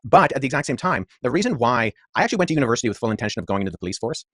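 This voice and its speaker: A man in his thirties, a historian guest in a podcast debate, speaking in an articulate, measured way with many asides. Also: medium pitch, very animated, a bit bright, dry recording, studio quality. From Pakistan-born, raised abroad.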